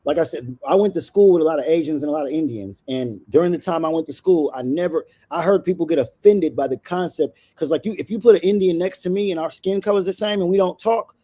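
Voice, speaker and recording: A man's voice: fairly high pitch, fast, few pauses, warm tone. A man co-hosting a casual talk show, explaining himself in defensive, rambling bursts with many restarts. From Honduran family, raised in America. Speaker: co-host. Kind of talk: casual debate chat.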